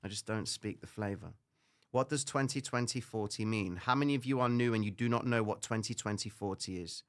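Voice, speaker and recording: Here a man with a Cypriot accent runs a live trading stream, briskly working through chat comments from viewers. His casual talk is peppered with "all right?" and occasional cursing, aimed straight at the people watching. He alternates between booming, lively lectures and low asides.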